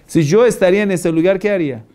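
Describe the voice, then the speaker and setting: A man's voice: sits high, fast, darkish tone. Man preaching with emphatic rhetorical questions. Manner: asks many rhetorical questions; emphatic, repeats phrases for stress. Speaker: Shia cleric. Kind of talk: religious lecture.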